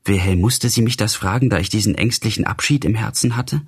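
Male audiobook reader, husky and solemn, measured literary delivery. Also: on the low side.

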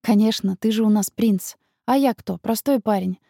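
A woman's voice: medium pitch, moderate pace, gravelly, dark tone, no echo, clean studio sound. A woman reading an audiobook, voicing a jealous, angry young man who accuses his rival. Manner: heated, accusing.

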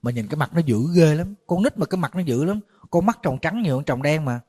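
A man, a Buddhist monk giving a conversational dharma talk, a little tired, animated when he tells stories. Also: fairly high pitch, fast talker. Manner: conversational storytelling, animated when retelling shouting.

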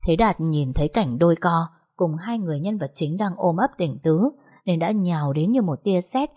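A woman narrating a story in a steady way. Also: lowish voice, normal speed, slightly rough.

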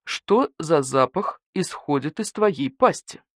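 A woman voicing a calm, serious senior male badger police officer who questions a suspect evenly. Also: on the low side, slow, no echo, studio quality, full character voice.

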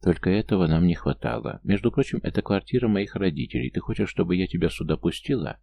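A man's voice: low voice, quick pace, vocal fry, dark tone, a little hiss or hum. A man voicing an emotional woman in her thirties in an audiobook, pleading and exasperated. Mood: tense.

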